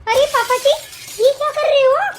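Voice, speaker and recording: Bossy young daughter-in-law, high-pitched and commanding, played by a woman. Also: brisk, slight background noise. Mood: lecturing. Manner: scolding, commanding. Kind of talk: amateur family drama acting.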